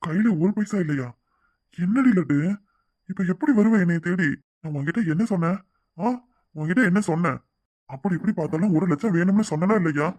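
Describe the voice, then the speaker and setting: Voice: mid-range voice, dry recording, lightly acted. A performer voicing a scheming male lover in a cartoon who sweet-talks for money, with a Tirunelveli Tamil accent. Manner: coaxing, sweet-talking. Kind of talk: cartoon voice acting.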